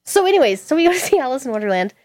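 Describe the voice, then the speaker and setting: A woman's voice: sits high, sing-song, racing, darkish tone, no room sound. A woman telling a story at length, acting out other people's lines in a raised voice. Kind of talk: animated storytelling.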